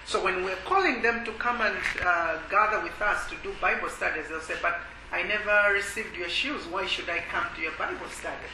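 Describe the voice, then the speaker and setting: Recorded in an echoey room over steady background noise, this fairly high-voiced man from Malawi, a ministry worker, tells his testimony at a church workshop. His delivery is hesitant, broken by many filler sounds.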